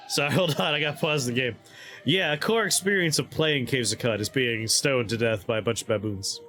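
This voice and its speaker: A man streaming a video game, chatting casually and excitably with his audience, laughing often and reading the game's text aloud. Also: medium pitch, normal speed, pauses often, faint music behind.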